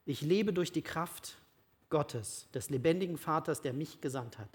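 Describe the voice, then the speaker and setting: A Bible reader speaking the lines of Jesus as a calm, solemn teacher, slow and deliberate, with a husky tone. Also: medium pitch, close to an everyday voice.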